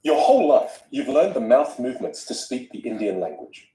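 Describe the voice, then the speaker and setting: A man with an Australian accent, a guest speech coach whose first language is Vietnamese, talking in an animated, emphatic way. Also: mid-range voice, moderate pace, slight background noise. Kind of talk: casual conversation. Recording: roomy echo.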